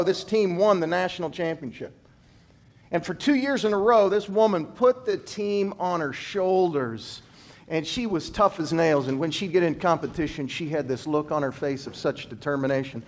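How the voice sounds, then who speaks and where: This former gymnastics coach speaks emphatically in a fairly high male voice, telling stories with large shifts in pitch and volume. When a key point arrives, he sinks into a low, hushed delivery.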